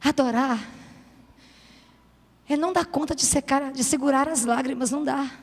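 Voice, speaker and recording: A high-pitched woman preaching in a large church, her voice ringing with a long reverb. She shifts from fervent shouting to hushed, tender passages. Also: normal speed. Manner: impassioned, swings from shouting to soft confiding. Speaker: pastor. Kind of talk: sermon.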